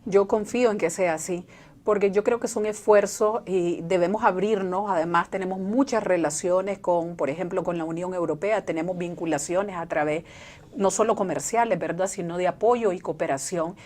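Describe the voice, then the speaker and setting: A woman's voice: fairly low pitch, a little mellow. Earnest woman interview guest. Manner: earnest, measured, uses asides like "verdad". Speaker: civil society organization representative.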